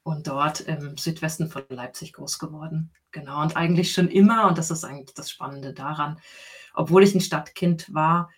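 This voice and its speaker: This is a middle-aged woman from Saxony who works as a coach. She answers interview questions earnestly and at length, explaining step by step and breaking into soft laughs. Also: sits low, steady tone, moderate pace. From Saxony, Germany. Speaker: coach and guest.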